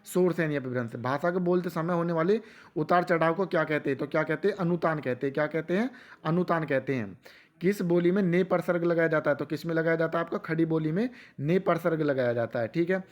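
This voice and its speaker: A man's voice: a little high, a little fast. A man teaching an exam-prep lesson with a western Uttar Pradesh accent, asking quiz questions and answering them himself, repeating each answer for emphasis. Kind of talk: rapid quiz-style lecture.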